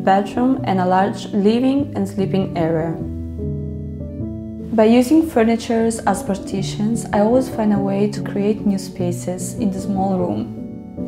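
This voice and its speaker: A woman from Ukraine who grew up in Italy, speaking as she calmly explains her home as an interior decorator. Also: medium pitch. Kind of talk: home tour narration.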